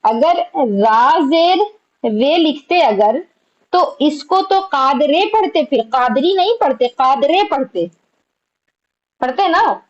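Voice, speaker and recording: A woman's voice: sits high, animated, takes it slowly, long pauses, highs cut off. A woman teaching an online Urdu lesson, patiently explaining letters and quizzing her students.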